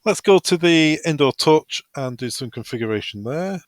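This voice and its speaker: With a somewhat high, expressive voice at normal speed, a man leads an informal, hands-on software walkthrough, partly improvised and taken step by step as a product tutorial. The recording is dry and studio quality.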